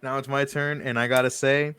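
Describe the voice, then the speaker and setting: Excitable man hosting a casual chat. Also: mid-range voice, brisk, clear, resonant tone, no echo. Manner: excitable, laughs often. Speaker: host leading the tier list.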